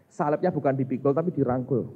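A man, a pastor, preaching a lively sermon, acting out dialogue and calling the congregation "saudara". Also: mid-range voice, fast, background noise. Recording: muffled, slightly lo-fi sound.

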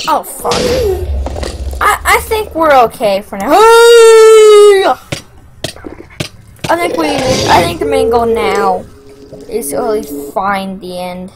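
A woman's voice: a little high, a little slow, long pauses, noisy background. A woman playing a survival video game, swearing freely and thinking aloud as she plays. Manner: profane, excitable, thinking aloud. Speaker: gamer. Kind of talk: let's play commentary.

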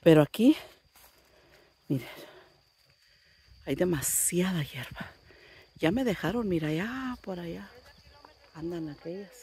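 A woman's voice: on the low side, animated, measured pace, pauses often, dark tone, husky. A woman with a northern Mexican accent, chatting casually to her viewers as a vlogger, filming on a phone while working outdoors in a rural field. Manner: chatty, addresses viewers as little friends, playful exclamations. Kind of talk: casual vlog chat to viewers.

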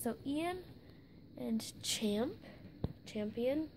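A young woman casually narrating a tour of her toy horse barn, halting as she lists the names and sometimes dropping to a whisper. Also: on the high side, lively intonation, darkish tone, a little hiss or hum. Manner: halting, stops to list names, drops into whispers. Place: indoor room with toy barn on carpet.

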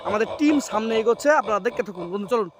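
A man leading a ghost-hunting vlog outdoors, guiding the group with urgent, repetitive warnings to go slowly. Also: sits high, animated, a crowd in the background. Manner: urgent, keeps repeating words of caution. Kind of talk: hushed guiding commentary.

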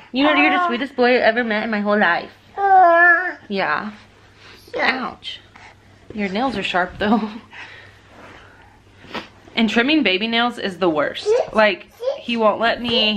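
A young woman vlogging casually at home, chatting to her viewers and switching to a high sing-song voice for her baby. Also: bright, forceful tone, slight background noise. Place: at home, then by car at a park.

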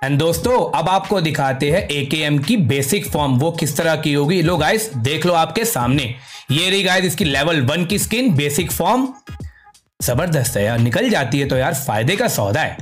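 A man giving casual gaming commentary, excitable and slangy with repeated exclamations. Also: on the high side. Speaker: gaming content creator. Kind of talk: casual game skin showcase commentary.

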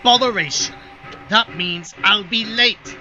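A man's voice: sits high, takes it slowly, sharp tone, dull audio, pitched above the performer's own voice, full character voice. A man voicing a bossy, impatient male tank engine who blusters and hurries in a storybook reading.

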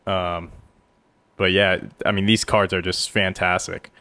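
A man's voice: sits low, level tone, measured pace, pushed and bright. A young man co-hosting a podcast in casual, enthusiastic and rambling chat, at a studio mic. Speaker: podcast co-host. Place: small studio. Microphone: headset and studio mic.

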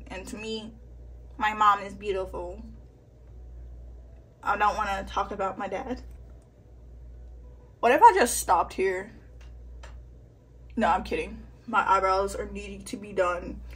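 A woman's voice: medium pitch, fairly bright tone, slight background noise. A tipsy woman chatting casually through a makeup tutorial, rambling, poking fun at herself and swearing freely. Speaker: vlogger doing a makeup tutorial.

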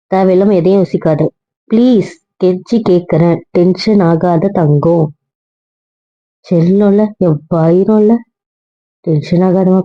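A woman's voice: lowish voice, dull audio, close to an everyday voice. A woman playing a young doctor and wife who coaxes her angry husband with endearments and scolds him. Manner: coaxing, then scolding. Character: young wife, bossy yet coaxing.

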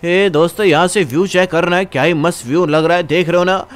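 A man's voice: high-pitched, fairly even intonation, a little fast, clear, resonant tone. A young man, chatting casually to viewers as he plays a game. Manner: chatty, informal, addresses viewers. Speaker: gaming channel host. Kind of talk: casual game commentary with role-play.

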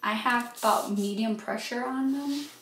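A woman hosting a craft video, explaining each step in a relaxed, thinking-aloud way and a bit out of breath. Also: fairly high pitch, unhurried, a little hiss or hum. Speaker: crafting channel host. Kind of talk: casual how-to narration.

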